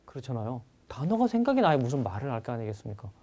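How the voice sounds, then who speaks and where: A man's voice: medium pitch, very animated, racing, warm tone. A man teaching an exam-prep vocabulary lecture who keeps asking his students questions and repeats each key word.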